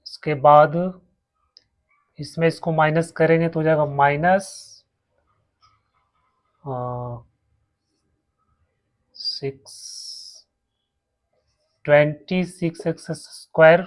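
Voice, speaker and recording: A man's voice: fairly high pitch, fairly even intonation, slow, long pauses. A man teaching a maths lesson, walking his students through each step and repeating terms as he writes. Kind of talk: slow blackboard maths lesson.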